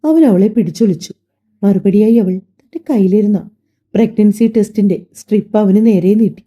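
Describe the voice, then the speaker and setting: A woman narrating a family drama audiobook in a calm, steady storytelling manner. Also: medium pitch, moderate pace, slightly rough. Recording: dull lo-fi recording.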